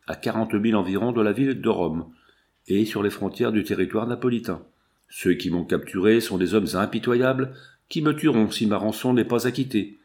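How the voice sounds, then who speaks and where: A man reading a young male captive's dictated letter in a subdued, measured, grave manner. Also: on the low side, a little mellow, natural voice.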